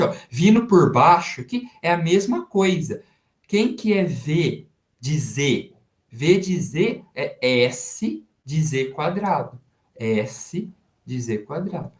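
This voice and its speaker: A male professor with a Brazilian Portuguese accent, talking at an unhurried pace in a slightly high voice. He walks through the math one step at a time and keeps asking his students questions that he then answers himself. The recording is roomy, with a clear echo. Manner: slow step-by-step explaining with rhetorical questions to students. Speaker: university professor. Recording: roomy echoey sound.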